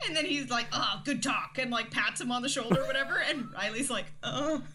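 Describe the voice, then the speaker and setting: A woman's voice: on the high side, quick pace, pushed and bright. A woman co-hosting a casual TV recap chat, speaking informally and freely giving her opinions. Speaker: podcast co-host.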